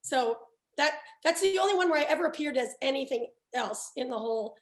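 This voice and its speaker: A woman's voice: high-pitched, animated, fairly quick. A woman voice actor telling a playful behind-the-scenes story on a panel. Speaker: voice actor guest. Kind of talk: casual anecdote on a panel.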